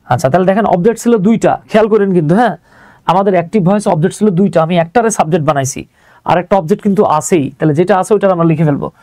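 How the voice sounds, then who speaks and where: A man's high-pitched, warm voice, recorded with no room sound, explains grammar informally and step by step. He has a Bangladeshi accent, keeps it conversational, and frequently puts rhetorical questions to his learners to check on them.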